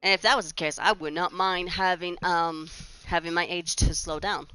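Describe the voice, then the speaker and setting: A woman's voice: fairly low pitch, fairly even intonation, moderate pace, bright, forceful tone, clear, resonant tone, no room sound, rough recording. A woman, rambling chattily over gameplay with restarts and giggles. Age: 20s. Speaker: gaming channel host. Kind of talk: casual gameplay commentary.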